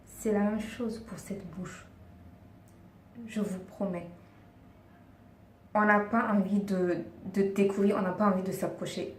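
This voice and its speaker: Unhurried and steady at medium pitch, this vlogger leaves long pauses as she offers earnest, coaxing beauty tips, often to viewers she calls girls. A beauty and lifestyle vlogger speaking her second language, she occasionally searches for words in a casual setting. The sound is roomy and echoey from a distant mic, with faint hiss.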